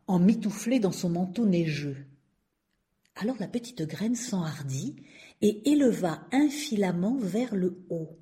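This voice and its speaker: A woman telling a fairy tale aloud in a gentle, unhurried storybook reading. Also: medium pitch.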